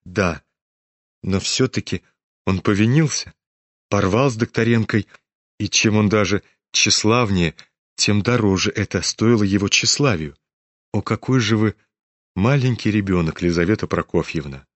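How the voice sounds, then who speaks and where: A man reading an audiobook, voicing a meek, earnest young prince in a soft, hushed manner. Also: lowish voice, normal speed, no room sound, voice pushed down, lightly acted. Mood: pleading. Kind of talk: audiobook character voice.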